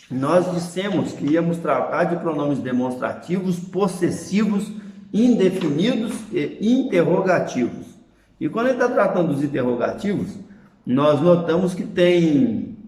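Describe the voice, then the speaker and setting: A man's voice: a little high, a little mellow, roomy sound. A male teacher explaining grammar in a recorded lesson, often checking in with his students as he goes.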